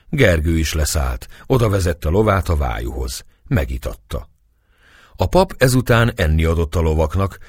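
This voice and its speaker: A man narrating an audiobook with expressive storytelling. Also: a bass voice, breathy edge, dry recording, clean studio sound.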